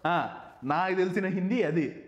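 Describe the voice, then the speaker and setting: A man's voice: sits high, measured pace, dull audio. A man from Anantapur with a Rayalaseema Telugu accent, a stand-up comedian hosting a podcast and telling stories bluntly with jokes and English words mixed in. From Anantapur village, Andhra Pradesh. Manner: blunt, joking storyteller mixing English words. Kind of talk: casual podcast chat. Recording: echoey room.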